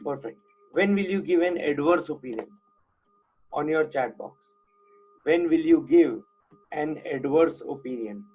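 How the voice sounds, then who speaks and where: A man's voice: on the high side, measured pace, long pauses, darkish tone, breathy edge, poor audio. A man teaching an online class, putting questions to students and repeating the key points.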